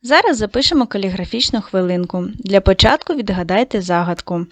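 A woman teaching a lesson to young schoolchildren, giving slow, clearly articulated instructions. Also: mid-range voice, lively intonation, no echo. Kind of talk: online lesson for young children.

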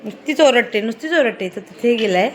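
A woman's voice: fairly high pitch, expressive, brisk. A woman vlogging casually, chatting to her viewers about her day as she walks around outdoors with her phone. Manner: chatty, narrating daily chores to camera. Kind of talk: casual vlog chat. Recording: loud background noise.

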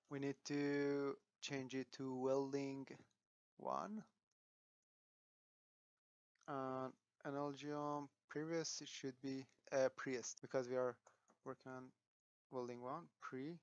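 Thinking aloud through a software tutorial, a man with a smooth, mid-pitched voice pauses on fillers and restarts his sentences. The sound is dry and somewhat dull, with no echo.

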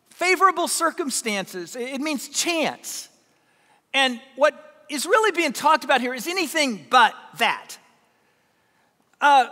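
A male pastor preaching a sermon, dropping to hushed, intimate lows and rising to loud, emphatic peaks. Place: church sanctuary. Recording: church hall reverb.

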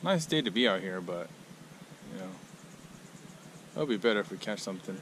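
A man's voice: sits low, normal speed. Laid-back man narrating a fishing vlog. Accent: Southern Californian. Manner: laid-back, chatty, excited bursts at catches. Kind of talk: casual outdoor vlog narration. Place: lakeside park outdoors. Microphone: action camera mic. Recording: outdoor camera audio with clear background noise.

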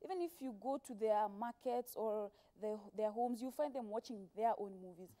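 A Kenyan-accented actress in her twenties speaks at a normal speed with a fairly high, mellow voice. She's a guest on a TV interview, seated on a studio sofa, chatting casually and telling stories full of quoted speech. A clip-on lapel mic picks her up.

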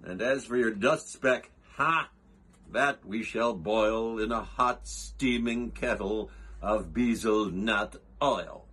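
Storybook villain: haughty, scornful female kangaroo, big and snappish, deliberate husky delivery, performed by a man. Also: on the low side, fairly bright tone, heavily acted. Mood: menacing.

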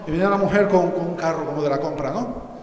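A pastor from Spain, speaking with a Spanish accent from Spain, preaches a sermon in a church hall, telling humorous stories with jokey asides and acting out the dialogue. His voice is fairly high, fast and darkish, with a little hiss or hum, and the hall is echoey with long reverb.

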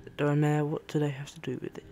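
A man's voice: on the high side, monotone, fast, warm tone, soft background music. A man giving casual let's play commentary on a game, rambling and easily amazed. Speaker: gamer commentating a playthrough.

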